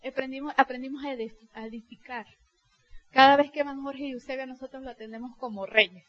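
High-voiced woman giving a heartfelt testimonial. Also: steady tone, fairly quick, dull audio. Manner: heartfelt storytelling, acting out quoted dialogue. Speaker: direct-sales team leader. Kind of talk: motivational testimonial talk.

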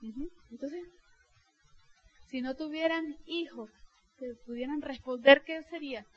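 A woman's voice: high voice, unhurried, muffled recording. A middle-aged woman speaking to her sales team as a leader, telling personal stories in a heartfelt way and acting out quoted dialogue. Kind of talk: motivational testimonial talk.

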